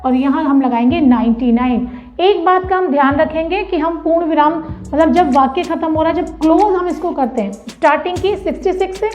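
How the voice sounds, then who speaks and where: A woman teaching a grammar lesson to children, explaining slowly and patiently, repeating key words and asking the class questions. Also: high voice, darkish tone, soft background music.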